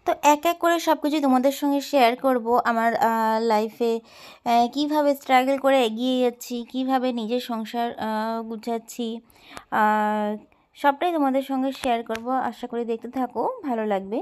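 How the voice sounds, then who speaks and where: Homemaker in her thirties, unhurried voice-over, soft and hesitant, many "ah"s. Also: a little high, clean tone. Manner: slow, soft-spoken, with many fillers. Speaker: homemaker vlogger. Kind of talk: voice-over narration of daily chores.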